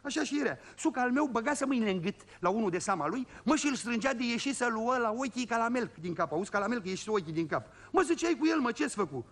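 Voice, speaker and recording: A man's voice: very high voice, animated, few pauses, a bit bright. A man telling a rustic comic monologue in a folksy way, turning often to his listeners. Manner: folksy, addresses listeners directly. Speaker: comic storyteller.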